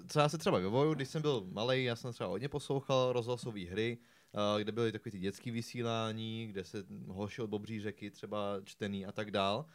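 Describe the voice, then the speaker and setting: A man's voice: fairly low pitch, steady tone. A man hosting a talk show, asking his guest questions in a coaxing way. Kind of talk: casual chat.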